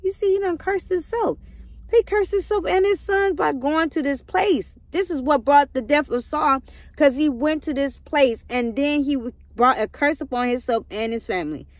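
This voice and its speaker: Brief: young woman, higher voice, dry close sound, casual vlog storyteller with fervent preachy asides. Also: moderate pace, no echo. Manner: emphatic, preachy asides, keeps calling out to listeners. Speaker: vlogger retelling a Bible story. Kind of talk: casual Bible story reading with commentary.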